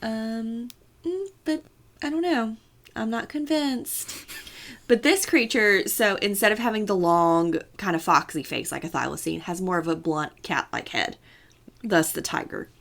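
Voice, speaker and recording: A woman's voice: medium pitch, measured pace, creaky, fairly bright tone. A woman co-hosting a casual podcast, telling a story with playful asides and a chatty manner. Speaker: podcast co-host.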